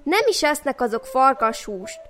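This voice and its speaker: A woman's voice: sits high, sing-song, a bit bright, soft background music. A woman voicing a sly, clever male fox who talks in a coaxing, knowing way.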